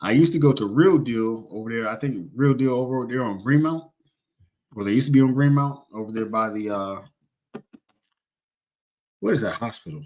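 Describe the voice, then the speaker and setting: A man's voice: medium pitch, normal speed, pauses often, a little mellow. A young man casually chatting on a livestream, rambling and joking as he corrects himself mid-sentence. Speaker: livestream host.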